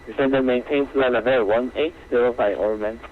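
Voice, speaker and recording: A man's voice: mid-range voice, steady tone, fairly quick. A man giving clipped, procedural air traffic control instructions over the radio. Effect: radio transmission. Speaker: air traffic controller on an online flight simulation network. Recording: muffled lo-fi radio with faint noise.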